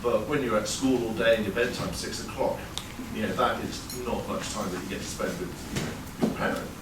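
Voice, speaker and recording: At a moderate pace and in a lowish voice, a man in his thirties from England shares a wry, conversational personal story with a live audience, using plenty of fillers. The performance venue recording is roomy, taken from a distant mic, with heavy background noise.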